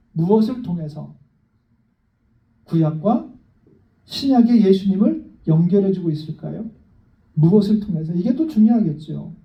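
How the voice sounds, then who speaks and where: A male pastor preaching a sermon in a conversational way, asking the congregation questions and acting out dialogue. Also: high voice. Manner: conversational preaching with rhetorical questions, acting out God's and David's lines. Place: church sanctuary. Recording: echoey church hall, distant mic, dull lo-fi sound.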